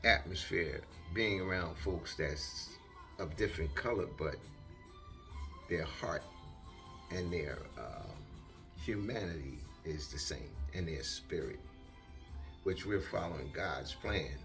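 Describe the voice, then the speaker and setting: A retired man in his later years tells a loose, rambling story and acts out the voices of the people in it. His voice sits very low with a gravelly rasp, yet his pitch swings widely as he talks. Faint music plays in the background. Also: takes it slowly, long pauses. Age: older. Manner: rambling, animated, acts out quotes. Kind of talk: casual storytelling.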